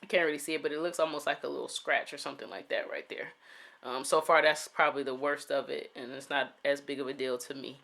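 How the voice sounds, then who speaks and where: A man's voice: fairly high pitch, fairly even intonation, quick pace, creaky, sharp tone. A man giving a casual sneaker review, laid-back and full of "um" fillers, talking straight to his viewers. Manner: laid-back, many "um" fillers, talks to "you guys".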